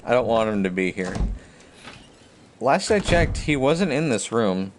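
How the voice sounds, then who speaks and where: Streaming a video game, this man muses aloud and chats loosely with his audience in a mid-range voice that swings widely in pitch. He speaks at an unhurried pace, with clear background noise in the recording.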